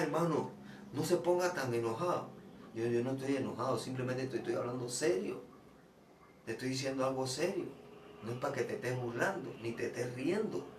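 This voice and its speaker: A man preaching a personal testimony sermon in an earnest way, repeating phrases and going soft when he quotes himself. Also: mid-range voice, background noise. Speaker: lay preacher. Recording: echoey distant room with faint ambience.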